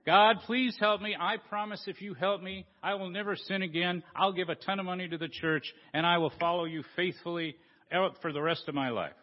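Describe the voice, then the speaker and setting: A preacher voicing a panicked man clinging to a branch over a drop, pleading and yelling for help, in a dull recording with long church reverb. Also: sits high, steady tone, brisk, voice pushed up, natural voice. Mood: begging.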